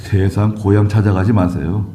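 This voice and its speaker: A man's voice: on the low side, fairly even intonation, moderate pace, mellow, slight background noise. A male Korean pastor preaching a sermon, moving from chatty personal asides to emphatic exhortation of the congregation. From South Korea. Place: church sanctuary.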